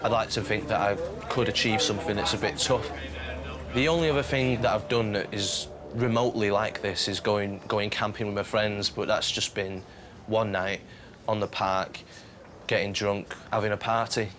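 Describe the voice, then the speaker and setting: A man's voice: fairly low pitch, steady tone, normal speed. A man from northern England, speaking in a hesitant, self-doubting way to camera. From Stockport, northern England. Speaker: call centre worker. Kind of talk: confessional interview. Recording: outdoor noise behind.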